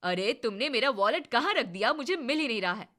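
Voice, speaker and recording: A woman voicing a teasing young husband who scolds his wife, in a low, mock-sulky put-on voice. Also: moderate pace, pushed and bright. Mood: annoyed.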